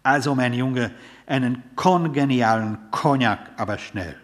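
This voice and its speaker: A man's voice: medium pitch, unhurried, natural voice. A man voicing a pompous, theatrical middle-aged father with a Viennese accent, speaking in grandiloquent, blustering phrases. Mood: commanding.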